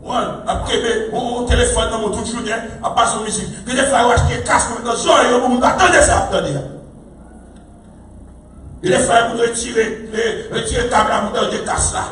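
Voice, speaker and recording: A man's voice: very high-pitched, a little fast, a bit bright. A man with a Haitian French accent preaching a sermon, emphatic and repetitive, calling out to the congregation. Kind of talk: sermon teaching. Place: church hall. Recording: echoey hall, mic far off, faint noise.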